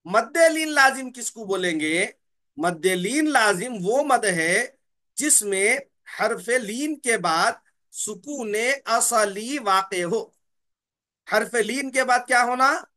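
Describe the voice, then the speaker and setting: Bright-voiced man teaching slowly. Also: very high-pitched, lively intonation. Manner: repeats key terms, asks and answers his own questions; drawls out letter names slowly. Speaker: Quran recitation teacher. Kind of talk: slow explanatory lesson.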